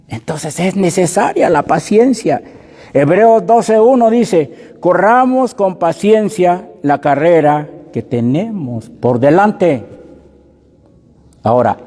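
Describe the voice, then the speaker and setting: A man delivers a sermon in a long, ringing reverb, and his voice sits fairly high but sounds mellow and dark. He speaks to his listeners as brother and sister. He slows down to stress the scripture he reads aloud. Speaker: preacher.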